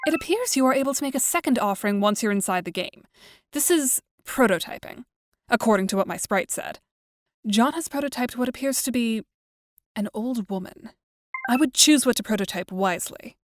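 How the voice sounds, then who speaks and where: Voicing an articulate, wry, composed teenage girl in an audio drama, a woman keeps her delivery formal, dry, and measured while music plays. Her natural voice is a little high and animated, with no echo.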